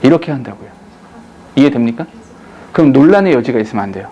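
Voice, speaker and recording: A man teaching an English lesson to students in a classroom, talking to them directly in a jokey, animated way. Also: mid-range voice, fast, muffled recording, slight background noise. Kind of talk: classroom lecture.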